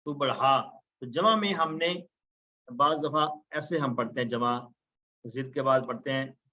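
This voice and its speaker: A man teaching a recorded Arabic grammar lesson, chanting verb forms slowly and then explaining them. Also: mid-range voice, bright, forceful tone, dull audio.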